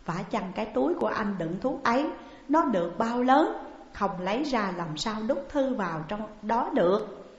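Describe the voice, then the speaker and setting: A woman's voice: on the high side, animated, moderate pace. A woman voicing a tearful younger sworn brother who pleads with his elder in an audiobook story. The recording is dull and echoey. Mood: tearful pleading. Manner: weeping, imploring, emotional.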